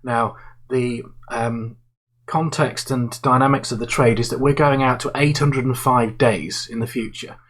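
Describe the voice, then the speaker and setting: A man who manages investments, walking listeners through an example in a halting style with many fillers and restarts. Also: medium pitch, steady tone, a bit bright, low-quality recording. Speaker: investment manager presenting to clients. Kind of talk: explanatory investment talk.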